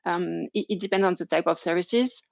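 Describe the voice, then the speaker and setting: French-accented woman guest, lowish voice, dry lo-fi call sound, halting delivery. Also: creaky, no echo. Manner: hesitant, many fillers and restarts. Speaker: interview guest, company founder. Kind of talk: live interview over video call.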